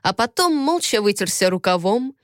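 A woman narrating a first-person audiobook in an expressive reading voice. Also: medium pitch, moderate pace, dry recording, clean studio sound.

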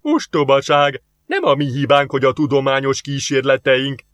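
Man voicing a scheming alien diplomat, formal, calm, audiobook, dry sound. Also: mid-range voice, no echo, lightly acted. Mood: defensive. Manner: formal and calm, quoting rules.

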